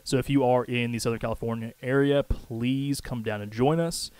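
An easygoing man co-hosts a casual podcast and mostly gives short, agreeable replies. His voice is middle-pitched and relaxed. The sound is dry and close to the mic. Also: moderate pace, smooth, no room sound. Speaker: podcast co-host.

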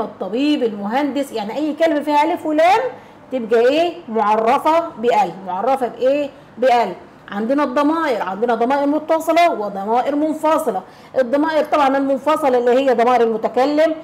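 Egyptian woman teacher, fast and high, asks and answers her own questions, faint noise behind. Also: a little mellow, low-quality recording. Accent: Egyptian Arabic. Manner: asks rhetorical questions and answers them herself; repeats key phrases, checking with "okay?". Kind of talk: classroom lesson explanation.

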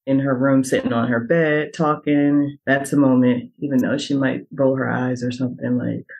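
A woman who works as a coach, a guest on a podcast, speaking in a reflective, halting way with restarts. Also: extremely low pitch, fairly even intonation, darkish tone, breathy edge, low-quality recording. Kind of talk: casual podcast conversation.

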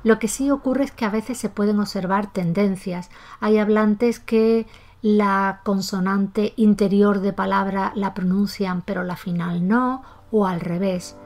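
A woman giving a calm, methodical lesson on pronunciation, saying example words aloud to demonstrate, and softening the S at the ends of syllables in her own speech. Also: medium pitch, unhurried. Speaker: language teacher. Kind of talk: explanatory lesson.

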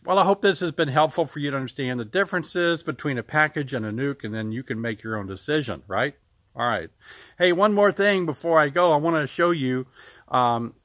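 Outdoors beside a farm building, a middle-aged Illinois man walks a close camera through beekeeping in an easygoing, explanatory way, with many pauses. He speaks at medium pitch, and the audio carries no room sound in this American recording.

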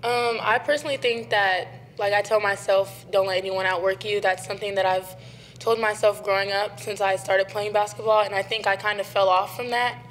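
A woman's voice: mid-range voice, steady tone, brisk, a little hiss or hum. A young woman college basketball player answering earnestly and reflectively at a desk microphone. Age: young adult. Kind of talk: postgame press conference answers.

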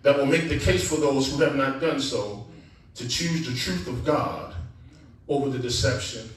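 A man preaching a sermon as guest preacher, animated and calling out to the congregation for responses. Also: medium pitch, moderate pace. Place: church sanctuary. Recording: echoey church sound from a distance.

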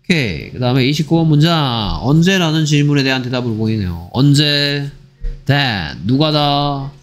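A man giving an exam-prep English lecture, firing off quick rhetorical questions and switching between Korean explanation and read-aloud English sentences. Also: medium pitch, animated, soft background music. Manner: drills with rapid rhetorical questions. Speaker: English teacher.

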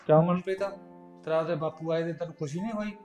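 A man's voice: fairly high pitch, steady tone, fast, warm tone, muffled recording, soft background music, close to an everyday voice. A man playing an easygoing husband who talks kindly with his wife and father-in-law. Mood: friendly. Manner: cheerful and accommodating. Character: young husband, easygoing and obliging. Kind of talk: short film acting.

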